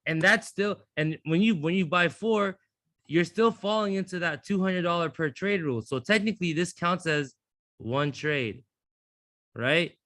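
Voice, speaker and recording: A man's voice: high voice, unhurried, a bit bright, no room sound, studio quality. A man teaching a live trading class, blunt and profane, often restarting his sentences. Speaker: trading instructor.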